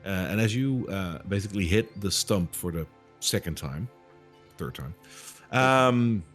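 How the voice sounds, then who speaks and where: A man's voice: lowish voice, lively intonation, unhurried, a bit bright, soft background music. A man acting as game master, improvising narration for a tabletop game and addressing the players conversationally.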